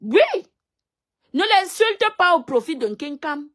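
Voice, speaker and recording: A woman's voice: high voice, sing-song, unhurried, a bit bright. Blunt defiant woman streamer. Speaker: live-stream host. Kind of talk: live-stream talk.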